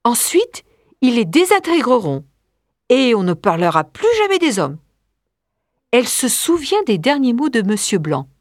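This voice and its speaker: Slow, deliberate woman narrator. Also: on the high side, big pitch swings, no room sound, studio quality. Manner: slow, clear and deliberate reading. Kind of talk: audiobook reading of a story for learners.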